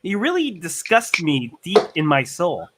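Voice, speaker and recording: A man's voice: fairly high pitch, huge pitch swings, unhurried, background noise. A man in a comedy troupe, mock-indignant and teasing, improvising a sketch over a video call.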